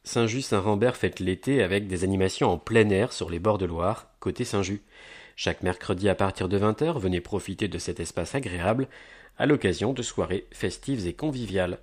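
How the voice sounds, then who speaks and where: A man's voice: low voice, a little fast. A man reading a scripted events listing in an upbeat announcer's manner, stressing the headlines. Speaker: announcer of a local events agenda. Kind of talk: scripted promotional narration.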